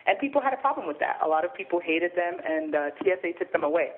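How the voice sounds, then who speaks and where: A man on the phone giving his views in a casual discussion, pausing often with ums and uhs. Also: sits high, expressive. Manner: hesitant, many ums and uhs. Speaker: guest commentator. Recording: tinny phone line.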